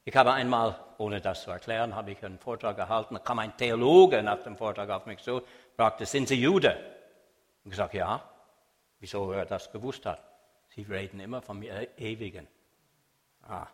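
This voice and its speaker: A man giving a lively Bible lecture to an audience, teasing listeners and often checking in with a quick "ja?". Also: fairly low pitch. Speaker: Bible teacher speaking to an audience. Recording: long hall reverb.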